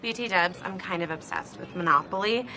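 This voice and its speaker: A woman's voice: fairly low pitch, a little fast, sharp tone. An actress playing a bubbly young woman who rambles and overshares with her friends. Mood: chatty. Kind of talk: sitcom acting. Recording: faint background noise.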